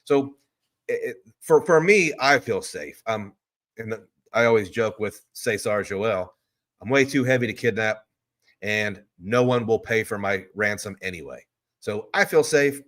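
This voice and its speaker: A lowish, slightly bright male voice with lively intonation leads an informal live stream from a hotel room. He speaks at a measured pace and chats in a loose, rambling way while taking viewer questions.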